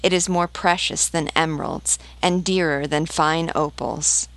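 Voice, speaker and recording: A woman reading the part of a devoted female nightingale from a storybook, slow and earnest. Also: sits low, steady tone, a bit bright, dry recording, low-quality recording. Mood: tender.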